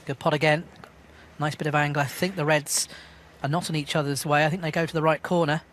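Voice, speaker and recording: A man giving hushed live snooker commentary in a measured, understated way. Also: a little high, flat delivery, a little hiss or hum.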